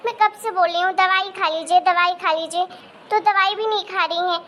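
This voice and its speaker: A woman's voice: very high-pitched, steady tone, fairly quick, bright, forceful tone, a little hiss or hum. A woman voicing a cruel, two-faced young daughter-in-law who talks in a sneering, bossy way in a family drama. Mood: fake sweet. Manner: sneering and bossy, turns sweet and whiny before her husband. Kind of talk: amateur Hindi family-drama acting.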